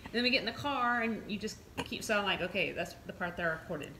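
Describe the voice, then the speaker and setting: A woman telling a funny story in a casual chat, acting out the lines of others with lively mimicry. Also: fast talker, roomy sound, background noise. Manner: animated, mimics others in a higher voice. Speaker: storyteller recounting events.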